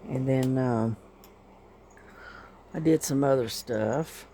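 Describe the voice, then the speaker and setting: A middle-aged man with a wheezy, congested, breathy rasp, chatting casually and haltingly in an unhurried, folksy way while he paints. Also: medium pitch, mellow, slight background noise. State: congested, wheezing, clearing throat often. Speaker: painting vlogger.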